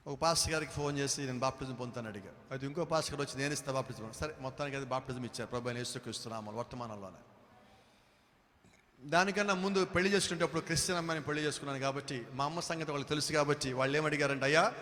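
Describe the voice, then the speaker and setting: Fast, bright-voiced pastor in a reverberant hall. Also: male voice, on the high side. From India. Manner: animated storytelling, acting out dialogue. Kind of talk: testimony sermon. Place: church hall. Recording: long church-hall reverb.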